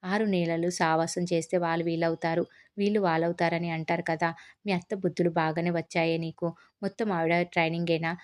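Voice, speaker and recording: A woman voicing a cocky young husband who mocks and teases his wife, read in a low, even voice. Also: brisk, lightly acted. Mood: teasing. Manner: mocking, laughing.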